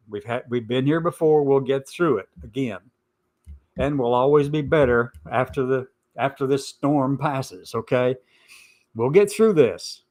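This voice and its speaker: Emphatic man giving informal opinion commentary. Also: medium pitch. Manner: emphatic, repeats points for stress. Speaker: host of a commentary show.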